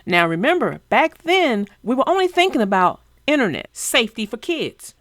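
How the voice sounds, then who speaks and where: With a slightly high, somewhat bright voice, a woman narrates a storybook for children, very animated and at a normal pace. She talks to her young audience emphatically, teaching as she goes, in a clean studio recording with no echo.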